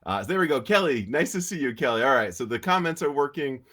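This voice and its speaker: A man hosting a weekly live talk on healing, speaking with a congested, nasal voice from allergies in a relaxed, chatty way. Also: mid-range voice, fast. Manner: relaxed, chatty, with frequent fillers. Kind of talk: casual livestream talk.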